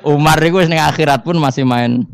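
A man preaching a sermon, telling a story with laughter and acting out the quoted lines in a louder, higher voice. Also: brisk, vocal fry, clear, resonant tone. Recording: dull, dry, lo-fi.

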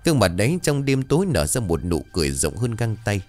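Male horror storyteller, deep, highly expressive delivery. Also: a little fast, faint music behind. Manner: dramatic, suspenseful. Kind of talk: scripted horror story narration.

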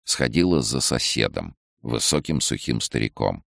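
A man narrating an audiobook in a very low, gravelly voice. His reading rises and falls a lot for expression. The recording is dry and close. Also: very animated, moderate pace, fairly bright tone, dry recording.

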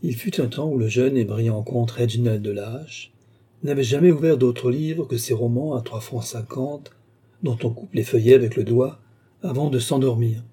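A man reading a nineteenth-century short story aloud in a measured, expressive narration. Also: medium pitch, husky. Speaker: audiobook narrator. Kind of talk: scripted literary narration.

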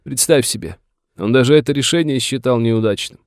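A man's voice: medium pitch, brisk, dry recording, clean studio sound, pitched above the performer's own voice, close to an everyday voice. A man voicing a frightened aging rancher who pleads in a plaintive, agitated way. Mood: fearful, plaintive. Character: frightened aging male rancher, tearful and whining.

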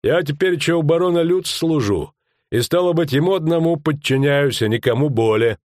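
Man voicing a mocking mercenary, coarse rural talk, raised pitch, dry close sound. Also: animated, moderate pace, a little mellow, no echo, lightly acted. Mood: scornful. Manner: mocking, coarse folksy speech.

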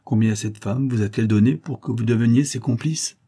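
A man's voice: medium pitch, brisk, warm tone, slightly rough. A male narrator voicing a noble young avenger who speaks imperiously and with authority. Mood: commanding.

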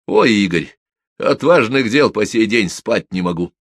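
A male reader plays an easygoing cop who answers everything with dry jokes, in a lowish, close, dry voice. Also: expressive, measured pace, no echo. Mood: wry.

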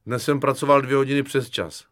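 A man's voice: medium pitch, fairly even intonation, fairly bright tone, pitched above the performer's own voice, lightly acted. A man doing a stubborn, mock-formal young private. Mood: insistent. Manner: earnest, mock-formal, insistent.

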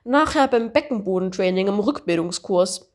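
A woman reading the lines of a young mother with a pram who eagerly joins in, in a somewhat higher voice. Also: animated, normal speed, natural voice. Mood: keen.

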